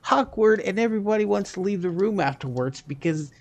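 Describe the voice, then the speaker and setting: A man's voice: high-pitched, expressive, a little fast. A man streaming a game, chatting casually and jokingly with viewers in a rambling way. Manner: rambling, jokey, talks to viewers. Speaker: gaming streamer. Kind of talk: casual livestream chat.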